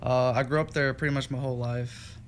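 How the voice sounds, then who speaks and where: This young man from Texas, a music student and interview guest, speaks a little fast with a steady tone and medium pitch. His casual chat is full of fillers and restarts, recorded in a radio studio with faint background music.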